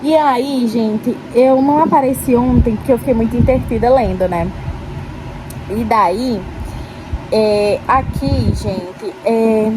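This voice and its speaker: High-voiced Brazilian woman, chatty vlogger. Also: slow pace, noisy background. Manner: informal, rambling, self-correcting. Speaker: book vlogger. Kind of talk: casual chatty reading vlog.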